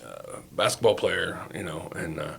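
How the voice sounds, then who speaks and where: A man's voice: low-pitched, moderate pace, gravelly, a bit bright, a little hiss or hum. Older male coach with a Southeast Ohio accent, rambling and folksy, casual podcast storytelling. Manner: folksy, rambling, swears freely. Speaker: podcast guest, youth football coach.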